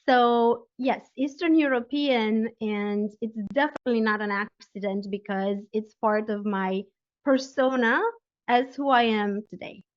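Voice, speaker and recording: A woman with a Romanian accent, speaking as a podcast guest in an earnest, gently emphatic way. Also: a little high, fairly even intonation, unhurried. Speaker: guest, spiritual life coach. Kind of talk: casual interview chat. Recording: dull lo-fi audio.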